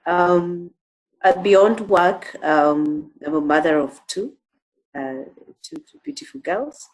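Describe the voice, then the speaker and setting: Woman, very low voice, measured, uh fillers, video call panellist. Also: animated, low-quality recording. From Kenya. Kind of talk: self-introduction on a panel.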